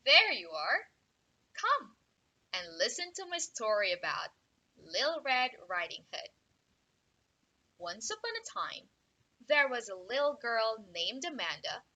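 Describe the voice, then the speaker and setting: An English tutor telling a fairy tale to learners, slowly and expressively. Her voice is high and bright, and her pitch swoops a lot. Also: low-quality recording. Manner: slow, clear and expressive.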